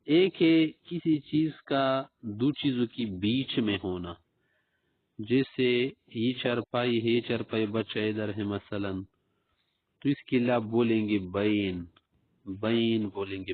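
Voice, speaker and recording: Man teaching slowly, phone-like sound. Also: medium pitch, no room sound. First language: Urdu. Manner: slow, repeats example phrases for learners. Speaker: Arabic teacher. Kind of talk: language lesson. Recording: dry, phone-like audio.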